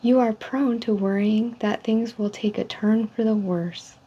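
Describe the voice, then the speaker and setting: Casting: woman, soft and dark-toned, ASMR customer service role-play, measured survey reading, faint background noise. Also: mid-range voice, fairly even intonation. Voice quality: soft, hushed. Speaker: ASMR role-player as call center agent giving a personality survey. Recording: dull lo-fi sound with faint noise.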